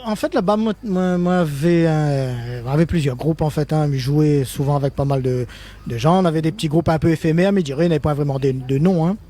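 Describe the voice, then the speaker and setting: An older man from Réunion speaks French with a Creole-inflected accent, his voice on the high side, fast and mellow. He's a musician guest in a casual live interview, rambling, restarting and laughing often.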